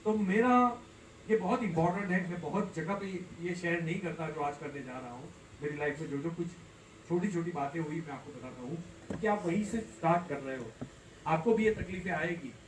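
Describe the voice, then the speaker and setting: Man, high voice, motivational talk, storytelling, roomy echoing hall. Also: moderate pace, a little hiss or hum. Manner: storytelling, swings from loud to hushed. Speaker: network marketing speaker. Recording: roomy hall, speaker far from mic.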